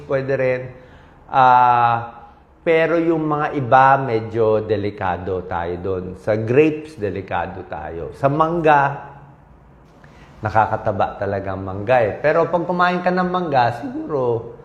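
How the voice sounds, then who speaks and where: A man's voice: medium pitch, muffled recording. A man with a Filipino accent giving casual health advice as a doctor, talking conversationally and often checking in with his listeners. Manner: conversational, frequent "okay?" and "di ba?" check-ins. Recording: roomy echo.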